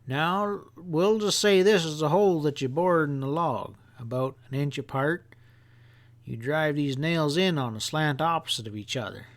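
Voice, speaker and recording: In an audiobook story, a man voices a mischievous, folksy old country grandfather who explains things with earnest emphasis, sounding earnest and instructive. His voice is fairly high-pitched and natural, at a normal speed.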